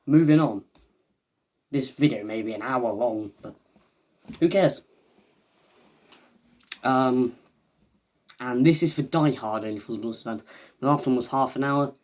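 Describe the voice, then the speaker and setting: A man's voice: mid-range voice, unhurried, long pauses, darkish tone. Rambling, hesitant man reviewing. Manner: rambling and hesitant, many fillers and restarts; eager fan, chatty asides to viewers. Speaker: video reviewer. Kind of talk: casual video review monologue.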